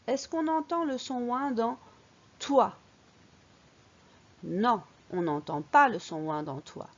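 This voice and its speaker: A woman teacher giving an early-reading phonics lesson, speaking slowly and clearly in a sing-song way and stressing the key words. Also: mid-range voice, lo-fi sound.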